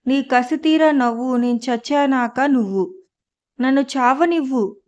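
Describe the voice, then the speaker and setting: Lady doing a distraught young woman, yelling and accusing, high voice, muffled lo-fi sound. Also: unhurried. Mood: bitter. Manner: shouting, accusing. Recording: dull lo-fi audio.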